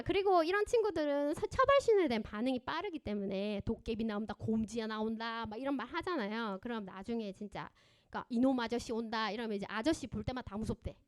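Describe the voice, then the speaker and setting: Woman counselor talking to parents, bit high voice, swoops all over, keeps asking the room questions. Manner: animated, quizzes the audience with questions; acts out parents and children in lively voices. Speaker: parenting counselor giving a seminar. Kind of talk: parenting seminar lecture. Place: church seminar hall.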